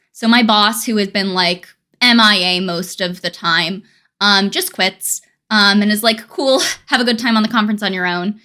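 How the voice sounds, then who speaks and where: A woman's voice: medium pitch, sharp tone. A young adult woman chatting casually on a live stream, rambling with dry, self-mocking humor and frequent laughs.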